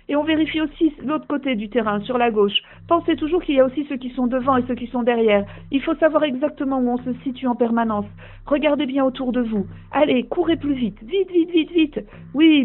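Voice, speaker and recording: A woman leading a guided sports visualization, urging listeners on with repeated short commands. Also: sits high. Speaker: coach guiding a visualization. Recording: tinny phone-like line with faint music.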